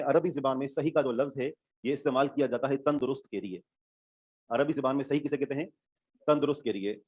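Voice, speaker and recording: A man's voice: medium pitch, darkish tone, no room sound. Man teaching an online class in a dry, close sound. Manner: explains step by step, repeats terms, checks understanding. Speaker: Islamic studies teacher.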